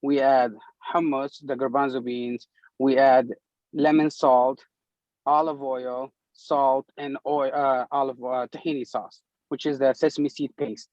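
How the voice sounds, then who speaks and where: A man's voice: mid-range voice, little pitch movement, a little slow, a little mellow, no room sound. Eager man from Turkey, dull dry sound. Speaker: restaurant owner. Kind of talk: casual interview talk.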